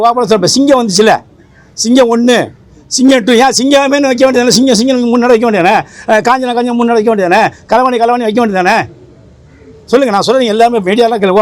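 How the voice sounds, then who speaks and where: The head of a film association, a man, speaks quickly and forcefully at a press interview, rambling and going over the same points again. His voice is very high, with no room sound.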